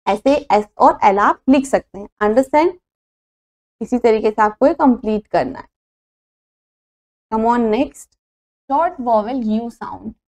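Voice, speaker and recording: A woman teacher, walking through a phonics lesson and spelling out each word letter by letter before saying it whole. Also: fairly high pitch. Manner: spells words letter by letter, then says them; mixes Hindi and English explanations.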